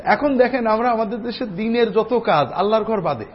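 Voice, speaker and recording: A man giving a Friday sermon as imam in a mosque, speaking straight to the congregation after a slow chanted Arabic opening. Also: high voice. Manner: teaching, addressing the congregation directly. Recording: dull lo-fi recording with faint noise.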